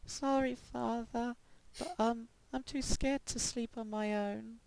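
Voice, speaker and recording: A man's voice: very high voice, fairly even intonation, takes it slowly, vocal fry, darkish tone, clean tone, pitched above the performer's own voice, exaggerated voice. A young man voicing a timid little girl while playing a horror game, through a cheap headset mic. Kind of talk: game let's-play voice acting. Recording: lo-fi game audio with music.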